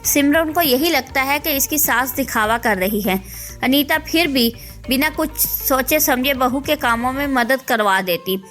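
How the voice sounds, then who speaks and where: A woman narrating a scripted story with plain, steady storytelling. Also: sits high, a little slow, faint music behind.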